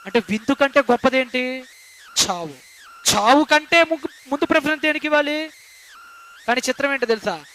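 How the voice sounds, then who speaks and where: High-voiced man preaching emphatically. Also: fairly quick, long pauses, background noise. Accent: Telugu. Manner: emphatic preaching with rhetorical questions to the congregation. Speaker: pastor. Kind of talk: sermon.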